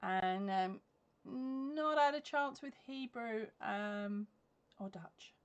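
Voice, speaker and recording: Speaking slowly in a fairly high, clean voice, this woman from England hosts a laid-back crochet livestream and reads out viewer comments. The sound is lo-fi, coming through a desk webcam in her yarn-shelved home craft room, and she laughs a lot and says um between thoughts.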